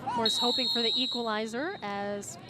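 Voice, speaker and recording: Woman calling soccer over a loud crowd. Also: fairly high pitch, moderate pace. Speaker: soccer play-by-play commentator. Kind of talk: live match commentary. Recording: loud crowd and outdoor stadium noise. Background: noisy outdoor stadium crowd.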